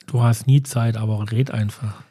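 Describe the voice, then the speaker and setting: A man with a dark, mellow voice chats on a podcast. He rambles in a folksy way, full of fillers. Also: fairly low pitch, fairly even intonation, moderate pace, slightly rough. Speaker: podcast co-host. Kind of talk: casual chat.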